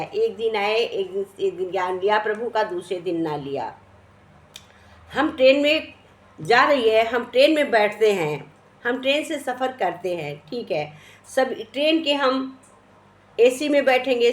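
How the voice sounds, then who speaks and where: A woman giving a devotional sermon in Hindi, teaching through a parable whose characters she voices in turn. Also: a little high. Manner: retells a parable, voicing each character. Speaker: devotional speaker.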